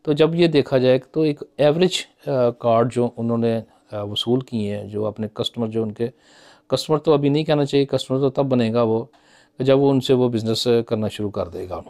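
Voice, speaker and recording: A middle-aged man from Pakistan talks straight to the camera from a small office, recorded on a phone held at arm's length. He thinks aloud in a loose, conversational way, pausing on fillers as he works through his figures. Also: medium pitch, warm tone. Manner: conversational, musing, with many fillers and hand gestures. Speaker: business commentator. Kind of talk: casual talk to camera. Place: small office with framed certificates on the wall.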